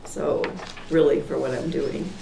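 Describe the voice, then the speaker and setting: This hoarse woman from Portland, Oregon, in her sixties and losing her voice, offers informal testimony at a town meeting, rambling with plenty of fillers and restarts and a few light laughs. She has a bass voice with a steady tone and measured pace. Sound comes from far off the mic in an echoey room, with faint noise.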